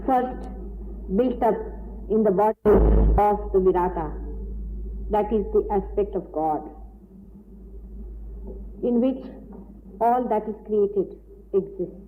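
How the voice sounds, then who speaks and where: A woman giving a deliberate, explanatory spiritual lecture, heard on an old tape recording. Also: medium pitch. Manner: deliberate, explanatory, with frequent pauses. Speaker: spiritual teacher. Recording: tinny old lecture tape with faint hiss.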